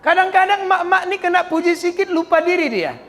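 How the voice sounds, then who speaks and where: A man's voice: very high-pitched, fast talker, slight background noise. A male preacher with a Medan accent giving a humorous sermon in a mosque, joking and acting out little scenes. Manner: joking, animated storytelling, acts out characters. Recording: long hall reverb.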